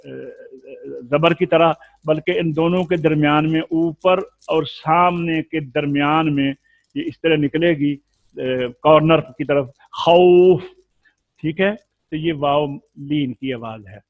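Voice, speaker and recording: A man's voice: fairly high pitch, fairly even intonation, takes it slowly, no room sound, narrow, tinny audio. A man teaching Quran recitation in an explanatory lesson, patiently drawing out vowel sounds to demonstrate them.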